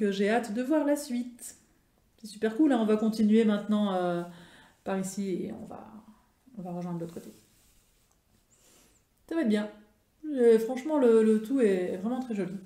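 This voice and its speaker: A woman's voice: medium pitch, darkish tone, reverberant. A woman with a French accent chatting casually about her craft projects, with many fillers and restarts. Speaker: craft vlogger. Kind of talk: casual show-and-tell chat.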